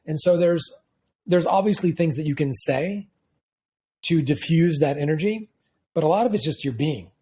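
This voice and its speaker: A man's voice: fairly high pitch, animated, normal speed, pauses often, warm tone, husky. A man speaking as a sales coach in an interview, telling stories animatedly and acting out the lines he quotes. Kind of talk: conversational interview answer.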